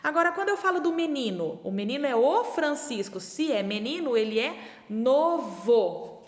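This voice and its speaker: A woman teacher with a Brazilian Portuguese accent, giving a recorded lesson to young children and slowly stretching out each syllable as she sounds out words. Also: high voice, big pitch swings. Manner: slow, sing-song explaining, stretching out syllables. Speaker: primary school teacher. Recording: echoey room with long reverb.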